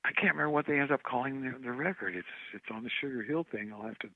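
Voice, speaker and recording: A man on a phone call, telling rambling, animated stories and losing track of names along the way. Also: mid-range voice, rapid-fire, no room sound. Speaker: guest musician on a call. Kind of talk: casual phone chat. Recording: tinny dry phone line.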